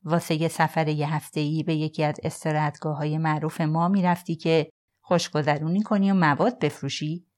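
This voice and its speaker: Lady doing a cold stern cop, low and curt, no nonsense. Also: little pitch movement, darkish tone, close to an everyday voice. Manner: curt, firm, mocking. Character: stern male police officer making an arrest.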